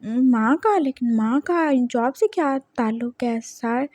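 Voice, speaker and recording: A woman's voice: fairly high pitch, animated, unhurried, darkish tone, no room sound. A woman voicing a nervous, polite young man who answers hesitantly and apologetically in a spoken story.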